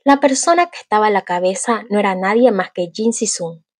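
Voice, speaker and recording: A woman narrating an audiobook of a fantasy novel in a steady, even storytelling manner. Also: mid-range voice, brisk, slightly rough, no room sound, clean studio sound.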